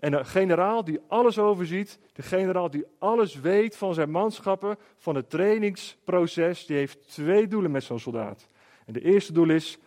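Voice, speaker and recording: A middle-aged man telling a story to an audience in a lively way, often checking in with his listeners through short rhetorical questions. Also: on the high side. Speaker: speaker.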